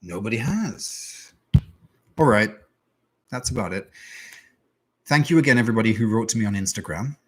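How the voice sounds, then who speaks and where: A man's voice: fairly low pitch, expressive, normal speed, pauses often, slightly rough. A man, a teacher, answering questions in a casual live stream with dry, self-mocking humor. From England. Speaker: English teacher.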